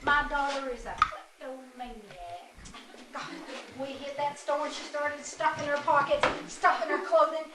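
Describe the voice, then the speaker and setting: A woman's voice: high voice, unhurried. An actress on a live theater stage playing a brash, gossipy housewife and mother, talking in a brassy, wisecracking, dramatic way. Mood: gossiping. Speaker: stage actor. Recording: roomy theater audio from far off, loud noise.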